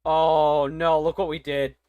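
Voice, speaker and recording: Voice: medium pitch, moderate pace, no room sound, narrow, tinny audio. A young adult gaming streamer chatting casually and muttering reactions over gameplay.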